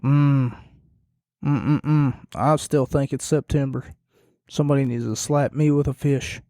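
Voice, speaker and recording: Self-deprecating and meandering, a man recaps his podcast by himself in a slow, low, quiet monotone. He has a hoarse voice that fades, with a dark, mellow quality. It's recorded close and dry.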